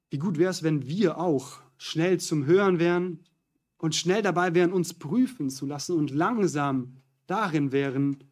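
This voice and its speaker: A man preaching a sermon on a psalm, earnest and steady, slowing right down whenever he quotes a prayer. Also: on the high side.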